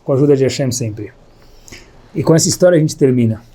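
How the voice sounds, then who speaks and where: A man's voice: mid-range voice, fast. A man teaching a Torah class, telling stories and acting out the quoted dialogue as he goes. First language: Hebrew terms mixed in. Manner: animated storyteller, acts out quoted dialogue. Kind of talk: storytelling Torah lesson.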